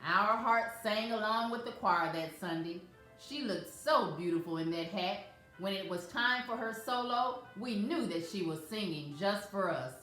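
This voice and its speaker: A woman reading a picture book aloud to children as a storyteller, in a gentle, measured way. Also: medium pitch. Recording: very echoey room, faint music.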